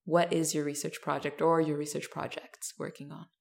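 A woman's voice: low-pitched, level tone, moderate pace, gravelly. A woman hosting a science interview podcast, reading an upbeat scripted introduction and then asking questions. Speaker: podcast host.

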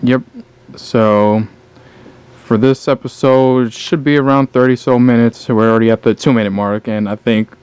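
A man co-hosting a casual gaming podcast, talking in a low-key, dry and sarcastic way. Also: steady tone, normal speed, a little mellow, clean tone, no echo. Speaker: podcast co-host.

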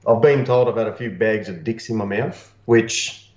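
A cheeky Australian man trades crude, boastful jokes on a podcast. His voice comes through muffled and hollow, as if he's talking through a paper cone. The sound is dull and boomy, with a lot of room echo. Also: normal speed, darkish tone. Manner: swears a lot, teasing and boastful. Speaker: podcast co-host. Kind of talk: crude, jokey banter.

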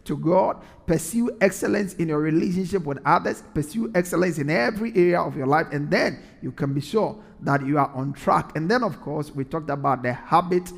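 A man's voice: on the high side, a little fast, vocal fry, few pauses, big-room sound. A man preaching a sermon in an earnest way, repeating phrases for emphasis.

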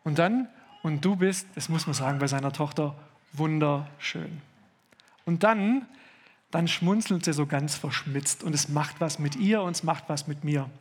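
A man preaching a sermon in a church service, earnest and slowing down to stress key phrases. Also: fairly high pitch, breathy edge. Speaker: pastor.

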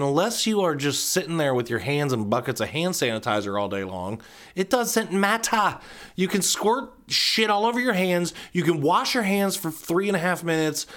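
Podcast guy ranting on his own, cussing a lot, kinda high voice that gets squeaky when he's worked up. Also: a bit bright. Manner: rambling, profane, with sudden high squeaky outbursts. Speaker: podcast host. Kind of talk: casual solo monologue.

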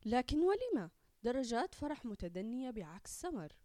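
A woman's voice: a little high, big pitch swings, moderate pace, dark tone, dry recording, clean studio sound, voice pushed up. A woman voicing a curt, biased science teacher. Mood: defensive. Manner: curt, dismissive.

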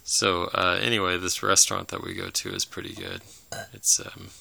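A man's voice: low voice, big pitch swings, moderate pace, vocal fry, sharp tone. A man co-hosting a casual home podcast, laid-back and swearing, recorded on a phone. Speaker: podcast co-host. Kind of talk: casual chat. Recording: phone recording with faint noise.

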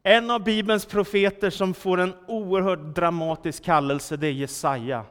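A man's voice: high voice, steady tone, fairly bright tone, clear, resonant tone. A man preaching a sermon, emphatic and full of rhetorical questions, his voice swelling and dropping for effect. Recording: long church-hall reverb.

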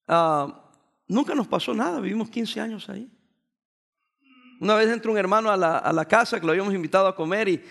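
A man's voice: sits high, creaky. A male pastor delivering a sermon, telling stories with energy and dropping in English phrases. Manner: animated storytelling preacher, mixing in English phrases.

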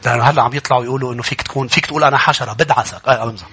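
A pastor preaching a sermon in church, animated and calling out to his congregation. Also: mid-range voice, racing, noisy background.

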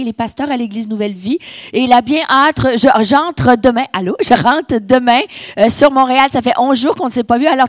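A middle-aged woman with a Québécois French accent, slightly hoarse, preaching a sermon and speaking directly to a congregation. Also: a little high, no echo. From Quebec. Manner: animated, addressing the congregation directly. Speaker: guest preacher. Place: church hall.

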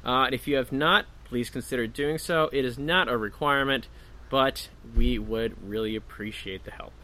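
Bright-voiced man hosting a casual podcast. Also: mid-range voice, normal speed, low-quality recording. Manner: informal, chatty, hesitant phrasing. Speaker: podcast host. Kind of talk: casual solo podcast talk.

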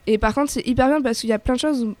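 A woman's voice: high voice, rapid-fire, darkish tone, dry recording. A young woman chatting casually on a radio show about TV series, with lots of fillers and restarts. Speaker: radio guest presenting TV series. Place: small radio studio. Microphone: studio microphone.

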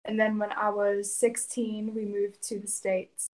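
As an interview guest, a young South African woman whose first language is Afrikaans tells her story in an even, level tone with little rise and fall. Her mid-range voice moves at a measured pace, and she answers plainly and steadily, sometimes with a soft laugh. The audio quality is poor.

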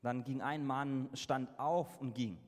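A man interpreting a sermon live into German, halting and correcting himself as he goes. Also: medium pitch, steady tone. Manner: halting, with fillers and self-corrections. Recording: reverberant hall sound.

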